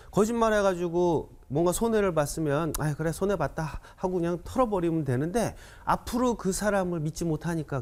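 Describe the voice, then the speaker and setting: A man teaching an English writing lesson in a chatty lecture style, often checking in with viewers and reading example sentences slowly. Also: a little high, darkish tone.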